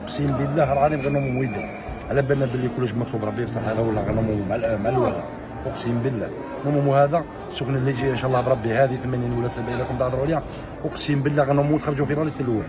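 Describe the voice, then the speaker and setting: Insistent Algerian man, extremely fast talker. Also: medium pitch, fairly even intonation. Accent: Algerian Arabic. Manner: insistent, swears oaths, repetitive. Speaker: local supporter making an appeal. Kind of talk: spontaneous street appeal. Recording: very noisy outdoor crowd.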